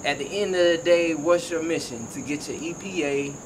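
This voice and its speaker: A young adult from Georgia in the United States, this HVAC technician and vlogger talks outdoors beside a house in an emphatic, slangy, motivational way. His voice is a little high at a moderate pace, with background noise in the clip.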